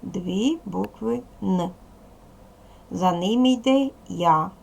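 A woman teacher with a Ukrainian accent, giving a slow and clear lesson to young pupils and spelling out sounds one by one. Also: mid-range voice. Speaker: primary school teacher. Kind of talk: slow, clear classroom instruction.

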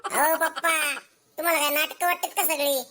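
A woman's voice: sits high, steady tone, fairly quick, pushed and bright. A woman playing a lazy, cheeky schoolboy in a comedy sketch. He whines, talks back and fakes being ill to skip school, with rustic slang. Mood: whining. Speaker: main character.

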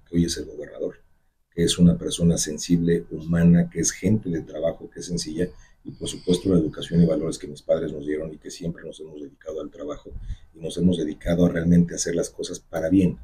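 A man's voice: sits low, warm tone, breathy edge. A middle-aged man with a Mexican accent, a mayoral candidate answering emphatically in a radio studio on a desk mic. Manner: emphatic, campaign-speech delivery. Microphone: desk microphone on stand.

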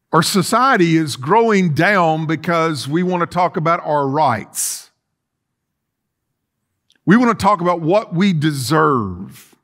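Pacing and gesturing, a middle-aged male pastor delivers a sermon in a big church sanctuary lined with rows of chairs. He speaks in a fairly high pitch with a fairly bright tone, making earnest restarts along the way.

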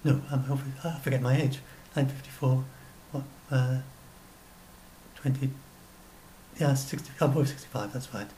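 At a moderate pace and in a steady, warm, medium-pitched voice, a man in his sixties chats through his notes by himself. This science blogger rambles and revises himself at his desk in a small room at home, recorded via webcam. The audio is poor, with slight background noise.

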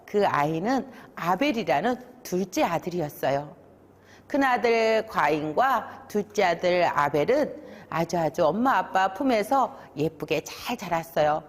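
A woman pastor telling a Bible story to young children, animated and asking them questions. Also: on the low side, unhurried, long reverb tail.

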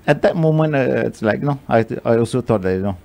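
A man's voice: mid-range voice, animated, fast talker, vocal fry, dark tone. A middle-aged man from Malaysia as a radio guest, talking thoughtfully with many restarts into a studio microphone. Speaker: guest, media executive. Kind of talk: radio interview. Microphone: studio microphone on boom.

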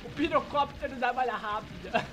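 A player with a Brazilian Portuguese accent doing casual co-op gameplay commentary, playful and teasing, laughing and shouting at the action. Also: medium pitch, brisk, background noise. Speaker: co-op gameplay partner. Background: game music.

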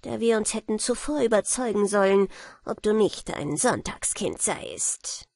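Storybook dwarf king, voiced by a woman: old, stern, slow, husky and gravelly. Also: mid-range voice, animated, a little mellow, dry recording, clean studio sound. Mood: solemn.

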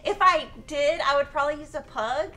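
A woman's voice: sits high, a little fast, pushed and bright, soft background music. A woman in her forties hosting, chatting in an upbeat, talkative way in a studio. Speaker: host. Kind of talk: casual chat. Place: studio with Christmas tree.

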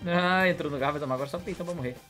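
A young man, commentating his own gameplay excitedly on a headset mic and calling his viewers family. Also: a little high, racing, over music. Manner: hyped, slangy, keeps addressing viewers as family. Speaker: gaming youtuber.

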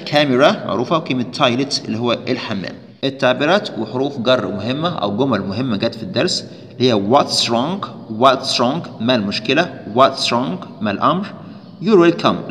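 A man's voice: mid-range voice, fairly bright tone, big-room sound. A man with an Egyptian Arabic accent teaching children's English, repeating each word and giving its meaning. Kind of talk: bilingual classroom explanation.

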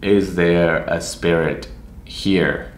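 A young man in his hotel room and corridors narrates a travel vlog extremely slowly, his low voice fairly even in intonation. He's chatty and half-joking but a little nervous, filming on a handheld camera held at arm's length. There's an echoey room, faint ambience and slight background noise.

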